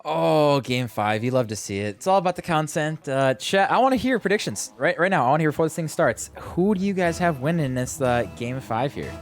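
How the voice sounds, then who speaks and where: A young man calling an esports match play-by-play, quick and excited, talking to the chat. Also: fairly high pitch, faint music behind. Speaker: esports caster.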